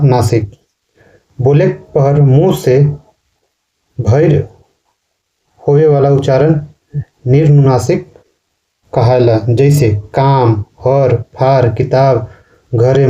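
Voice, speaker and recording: A man teaching a class in slow, repetitive explanations, often ending sentences with a questioning tag. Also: mid-range voice, dark tone, muffled recording. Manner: explains slowly, repeats words and ends sentences with a questioning "ना". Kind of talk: classroom lecture.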